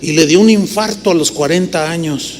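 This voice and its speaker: Mexican pastor guy, high voice, animated sermon stories, long echo in a big church, faint hiss. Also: moderate pace. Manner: animated storytelling with rhetorical questions. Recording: reverberant hall with faint noise.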